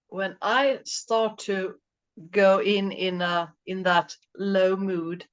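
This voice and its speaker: A woman's voice: medium pitch, fairly bright tone, lo-fi sound. A woman with a Swedish accent speaking English as a second language, a podcast host sharing her experience hesitantly, searching for words with many restarts. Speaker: podcast host, mental coach. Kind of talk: casual chat.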